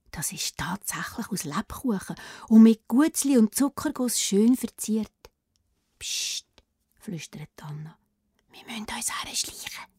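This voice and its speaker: Hushed Swiss German storyteller woman. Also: mid-range voice, slightly rough, no room sound, studio quality. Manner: often whispered, hushed and playful. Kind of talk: children's story narration.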